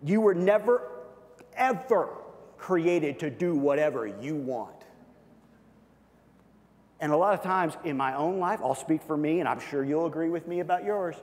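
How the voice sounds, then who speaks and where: A man's voice: a little high, normal speed, darkish tone. Emphatic preacher man in a reverberant hall. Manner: emphatic preaching, with a repeated "okay?" after points. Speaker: pastor. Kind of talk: sermon. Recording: long reverb of a large hall.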